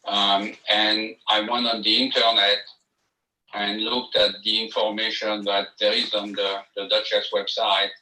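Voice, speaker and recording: A man phoning in on speaker, the phone held away from the mic, giving halting testimony about his property with many fillers and restarts. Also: on the low side, flat delivery, pushed and bright, a little hiss or hum. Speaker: property owner presenting a grievance. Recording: echoey, distant speakerphone audio.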